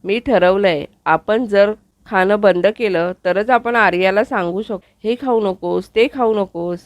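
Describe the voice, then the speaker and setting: A woman's voice: mid-range voice, a little slow, no echo, highs cut off, natural voice. Woman reading an earnest pregnant young wife, explaining steadily, dry close sound.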